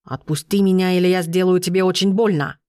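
A woman voicing a defiant young man in a storybook, speaking hoarsely. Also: lowish voice, steady tone, brisk, dark tone, dry recording, clean studio sound, natural voice.

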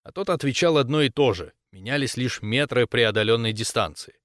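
Steady male audiobook narrator. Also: medium pitch, a little fast, no room sound, clean studio sound. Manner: steady first-person storytelling.

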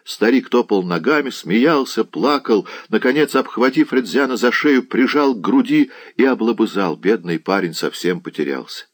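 A man narrating an audiobook with expressive storytelling. His voice sits low and moves in a lively, animated way. The delivery keeps things vivid throughout. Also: normal speed, hardly any pauses.

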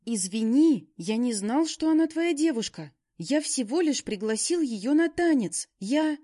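A woman voicing a frightened young man who stammers out apologies in a high, breathless voice. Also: expressive, unhurried, dark tone, no room sound, studio quality. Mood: scared.

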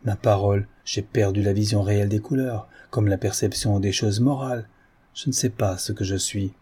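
A tormented painter torn by guilt and bitterness, as voiced by a male narrator. The voice sits low, with a dark, husky grain. A brooding figure from a classic audiobook. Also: fairly even intonation, normal speed. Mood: anguished. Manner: anguished, bitter self-reproach. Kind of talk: audiobook character reading.

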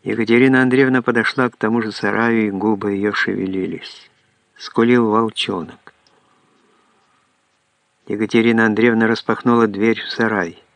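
A man narrating a literary audiobook in a measured, even storytelling manner. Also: lowish voice, gravelly, no echo.

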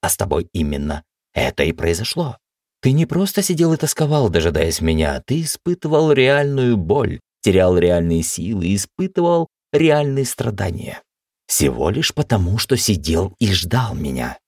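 A man's voice: deep voice, very animated, moderate pace, a little mellow, no echo, clean studio sound, voice pushed up, heavily acted. A man voicing an anxious, tender young female mage who pleads emotionally in a raised voice. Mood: worried.

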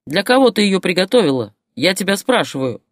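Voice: medium pitch, moderate pace, no echo, studio quality, close to an everyday voice. A storyteller voicing a furious bullying husband who roars and barks insults, in an audiobook character voice. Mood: raging. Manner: roaring, barking, insulting.

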